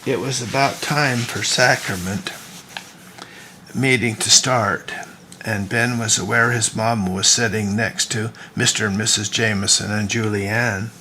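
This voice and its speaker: A man, the author, reading his own novel aloud as storybook narration at an unhurried, gentle pace. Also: on the low side, steady tone, a little hiss or hum.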